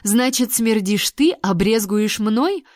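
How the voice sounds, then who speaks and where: A woman reading an audiobook, voicing a sharp-tongued young woman held captive who scolds her captor sarcastically. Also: mid-range voice, lively intonation, normal speed, dry recording, clean studio sound, close to an everyday voice. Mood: indignant.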